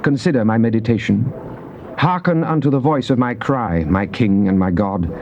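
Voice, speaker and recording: On a dull, hissy old cassette, a mid-range, slightly mellow male voice with a British accent dramatizes a psalmist who pleads with God and praises him. His phrasing is solemn, declamatory and measured, lightly acted in classical stage style, and the mood is earnest and prayerful.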